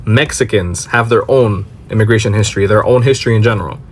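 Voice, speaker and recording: Speaking quickly in a fairly low voice, with slight background noise, this Miami-born commentator with an American accent explains politics to camera for a reaction video. He is emphatic and keeps asking his own questions before answering them.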